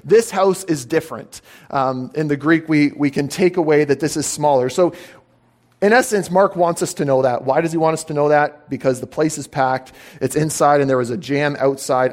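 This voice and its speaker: A man giving an explanatory teaching sermon as a pastor. He uses fillers and checks in with the congregation by asking "okay?". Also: on the high side.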